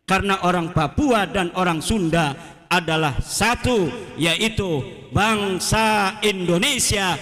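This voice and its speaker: A male preacher holds forth in a large hall where every word trails off in a long reverb. His high, bright voice moves slowly and deliberately, building into fervent rhetorical shouts when he drives a point home. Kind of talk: public religious lecture.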